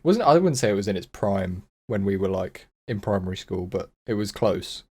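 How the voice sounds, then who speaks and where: Young male guest, easygoing and halting, lower-pitched voice. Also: animated, dark tone, husky. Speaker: podcast guest. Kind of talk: casual chat.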